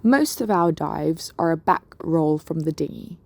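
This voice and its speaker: Woman, instructional narration, slightly low pitch, gravelly fry, polite firm step-by-step delivery, dry recording. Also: animated, measured pace, a little mellow. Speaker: dive briefing presenter.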